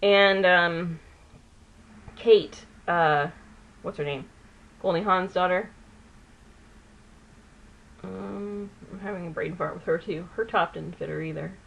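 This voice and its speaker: A woman with a notably low voice chats her way through a get-ready-with-me, rambling between topics and pausing to hunt for names. The recording sounds a little dull and lo-fi, with a faint hiss behind her. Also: steady tone, creaky, fairly bright tone. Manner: rambling, chatty, loses words mid-sentence. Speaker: beauty vlogger. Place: at home doing her makeup.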